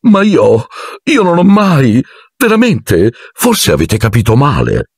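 Audiobook bit: high, stammering vain wizard, read by a man, lively swoops. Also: measured pace, gravelly, no echo, studio quality, heavily acted. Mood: flustered. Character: vain cowardly male wizard teacher, flustered.

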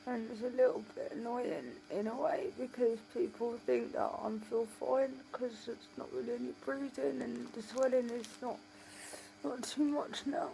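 A woman speaks in a fairly high but soft, mellow voice, worn out and talking through a sore, tight jaw. She sounds like she is recording a casual video diary at night, with noticeable noise behind her. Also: moderate pace, creaky, few pauses, poor audio. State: tired, sore swollen jaw after surgery. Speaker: vlogger.

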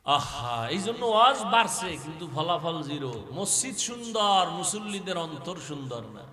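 A male waz preacher, his high voice sharp and piercing. He delivers a drawn-out, sing-song sermon into a PA microphone, swinging between hushed passages and dramatic outbursts. The sound rolls around an echoey hall with a long trailing reverb. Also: very animated. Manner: dramatic, swings from soft chanting to loud exclamations. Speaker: Islamic preacher. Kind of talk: waz sermon with melodic chanting. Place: religious gathering under a pandal.

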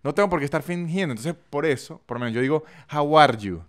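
Male podcast host, Venezuelan Andean accent, expressive and joking, stumbles often; pitched a bit high. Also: very fast. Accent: Venezuelan Andean, San Cristóbal. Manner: chatty and expressive, jokey asides, frequent stumbles. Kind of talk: casual podcast monologue with ad reads.

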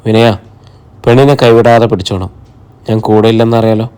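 A man voicing a worried, tender middle-aged mother in an audiobook, speaking softly and coaxingly. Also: fairly low pitch, steady tone, normal speed, clear, resonant tone, lightly acted. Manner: soft, anxious, coaxing.

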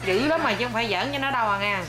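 A young woman, a mother filming a casual home vlog, coaxing, teasing and gently scolding her child while talking to viewers. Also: fairly high pitch, racing.

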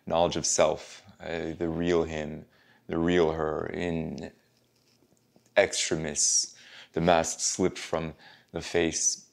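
A brooding, heartbroken man muses on love in a stage monologue, played by an actor. His voice sits extremely low and gravelly, with a flat, restrained delivery. He talks slowly and pauses often, sometimes sinking to a near whisper. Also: heavily acted. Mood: reflective. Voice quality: very deep gravelly voice. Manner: slow, pausing, drops to near whispers.

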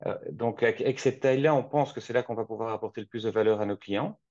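A man from Belgium in his forties, speaking in a measured way with frequent restarts, interviewed over a video call from his office. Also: medium pitch, a little mellow, dry recording. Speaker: guest, company co-founder. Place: office, seated at a desk. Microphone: webcam on a video call. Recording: dull lo-fi video call audio.

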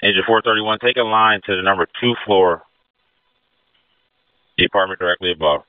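A man acting as incident commander, giving brisk orders over a two-way radio. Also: sits low, smooth, no echo. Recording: narrow phone-like radio channel.

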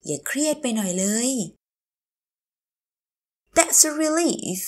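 A woman teacher drilling English phrases slowly, saying each word on its own with careful pronunciation and then explaining them. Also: high-pitched, animated, darkish tone. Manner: slow, careful, exaggerated pronunciation. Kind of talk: slow language drill, repeating phrases word by word.

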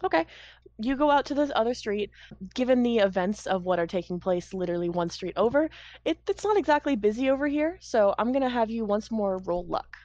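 A woman's voice: a little high, a little fast, no echo, muffled recording. Casual woman narrating a tabletop game. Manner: relaxed, casual narration with many fillers. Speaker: game master.

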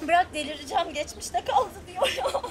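A woman's voice: extremely high pitch, lively intonation, normal speed, crowd noise. A woman at a café, furious and jealous, shaking with anger and saying the same things over and over. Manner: furious, jealous, repeats herself. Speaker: prank victim.

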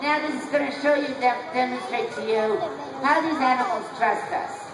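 A woman announcing a live animal show over a loudspeaker in lively emcee patter. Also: high voice, moderate pace, background noise. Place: large covered arena with a big crowd. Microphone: PA system, recorded by a phone in the stands. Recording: echoey PA, distant phone recording, loud crowd.

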